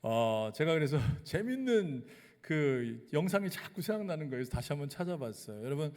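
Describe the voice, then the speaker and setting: A man's voice: a little high, big pitch swings, brisk, darkish tone. A male pastor from delivering a sermon to his congregation and leading them through call-and-response readings. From Chungcheong region, South Korea. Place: church sanctuary. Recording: long church hall reverb.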